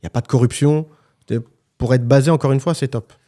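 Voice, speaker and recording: A man's voice: medium pitch, fairly even intonation, quick pace, mellow. A man co-hosting a casual podcast conversation, talking frankly and colloquially, with many restarts. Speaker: podcast co-host, property agent.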